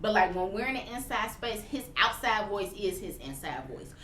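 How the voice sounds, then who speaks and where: Animated woman telling stories, bright. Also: mid-range voice, normal speed. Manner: animated storytelling, teasing. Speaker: podcast co-host. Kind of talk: casual chat. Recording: roomy, distant mic, faint hiss.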